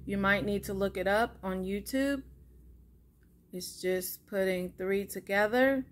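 A woman giving casual craft instruction as a tutorial host, unhurried and counting out the steps as she goes. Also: medium pitch.

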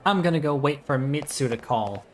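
A man streaming a game, reading subtitles aloud and commenting in an unhurried, musing way. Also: on the high side, lively intonation, faint music behind.

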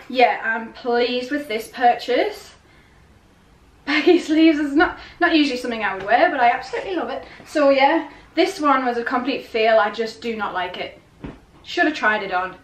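A middle-aged woman chatting casually and rambling a little, asking herself questions, as in a clothing haul vlog. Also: high voice. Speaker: vlogger. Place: small bedroom, indoors. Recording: roomy bedroom echo.

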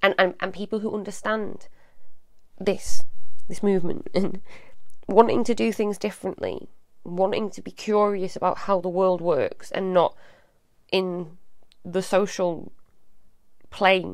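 A woman hosting a live advice stream, speaking gently and reassuringly straight to her viewers and often checking in with "yeah?". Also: mid-range voice, steady tone, a little slow, long pauses, dry recording, clean studio sound. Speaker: host of a live advice show.

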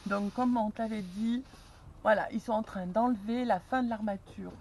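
A woman's voice: mid-range voice, moderate pace, darkish tone, a little hiss or hum. A woman narrating her own vlog in a casual, chatty way, laughing often as she films inside a camper van on a handheld camera. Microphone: handheld action camera.

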